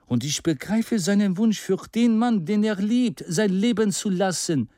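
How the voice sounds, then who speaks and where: An eager grown man voiced by a male reader pleads and persuades in a storybook reading, his voice sitting fairly high for a man. The sound is dry and close, with no room around it. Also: expressive, measured pace, dark tone, dry recording. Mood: urging.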